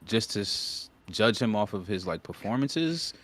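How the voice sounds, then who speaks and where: A man co-hosting a casual live-stream chat, talking loosely in slang and getting animated when he argues. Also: on the low side, unhurried. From United States. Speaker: podcast co-host.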